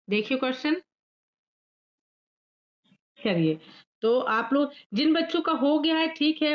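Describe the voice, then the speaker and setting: A woman teacher giving a grammar lesson to pupils, repeating key points slowly and addressing the class directly. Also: high voice, highs cut off. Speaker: school teacher.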